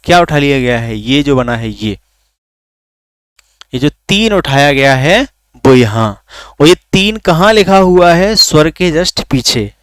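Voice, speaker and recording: एक आदमी, जो रिकॉर्ड की गई ऑनलाइन क्लास पढ़ाता है, खुद सवाल पूछकर खुद जवाब देता है और स्वरों को खींचकर बोलता है।. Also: male voice, fairly high pitch, lively intonation, unhurried, smooth, no room sound, clean studio sound. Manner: asks questions then answers them himself; drags out vowels to demonstrate. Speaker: teacher. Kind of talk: recorded online lesson.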